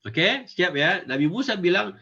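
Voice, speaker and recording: A man's voice: sits high, big pitch swings, unhurried, vocal fry, bright, forceful tone, breathy edge, highs cut off. A man teaching children, speaking casually and asking them questions that he then answers himself. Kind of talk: casual lesson for kids.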